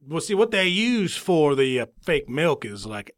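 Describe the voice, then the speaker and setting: A man playing an eccentric radio guest who tells rambling, deadpan absurd stories in a comedy sketch. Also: fairly high pitch, measured pace, no room sound, studio quality.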